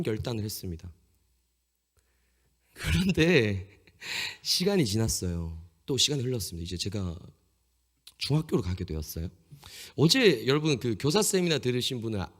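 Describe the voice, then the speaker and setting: Husky preacher in an echoing hall. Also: male voice, lowish voice. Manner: humorous, self-mocking storytelling to the congregation. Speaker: youth preacher. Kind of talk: sermon with a personal story. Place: church sanctuary. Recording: long reverb in a church hall.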